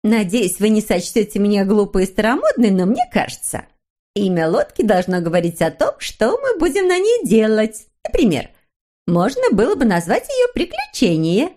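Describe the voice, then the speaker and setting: A woman voicing a gentle, modest mother troll in a storybook reading, soft and motherly. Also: medium pitch, wildly swooping pitch, normal speed.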